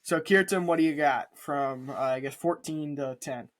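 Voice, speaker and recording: A young man with a voice pitched a bit higher than most men's talks through his sports picks. He sounds sure of himself and fills his pauses with plenty of uh's and um's. His delivery is casual, like a chat between co-hosts. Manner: confident, leans on fillers. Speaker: podcast co-host.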